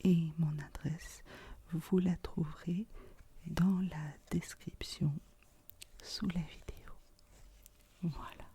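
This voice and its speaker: Woman doing asmr, super breathy whisper right up in your ear, real slow. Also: on the low side, steady tone, dark tone. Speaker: ASMR video host. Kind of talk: whispered ASMR, speaking to viewers.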